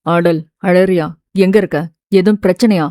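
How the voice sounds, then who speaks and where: A woman voicing an impulsive young man, blunt and rough-spoken, in a dry, close audiobook recording. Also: on the low side, fairly even intonation, moderate pace, warm tone, no echo, voice pushed down, close to an everyday voice. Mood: panicked.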